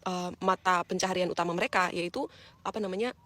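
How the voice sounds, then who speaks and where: A woman's voice: on the low side, fast, bright, forceful tone, dry recording. A woman vlogging in a casual, chatty way, explaining things to her viewers with fillers and questions.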